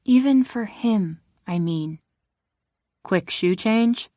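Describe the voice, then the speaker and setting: A woman reading an audiobook in a measured, expressive narration style. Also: mid-range voice, dry recording, clean studio sound. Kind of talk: scripted narration.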